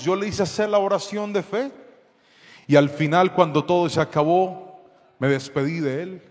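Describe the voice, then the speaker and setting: A man preaching a sermon to a congregation, telling a story with lively reenacted dialogue and jokes with the audience. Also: sits high. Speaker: pastor. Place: church hall before a congregation. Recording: long hall reverb.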